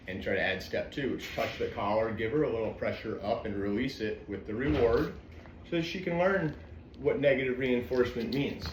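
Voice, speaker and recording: A man working as a dog trainer, calmly explaining a training session to viewers between soft coaxing praise for the dog. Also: mid-range voice, reverberant, slight background noise. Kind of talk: narrating a training session to camera. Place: indoor room with a dog.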